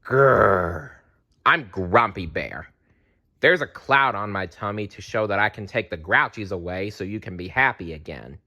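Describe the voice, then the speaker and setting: Man as gruff, grouchy Grumpy Bear. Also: on the low side, expressive, a little slow, pushed and bright, heavily acted. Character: little grumpy male bear with a rain cloud.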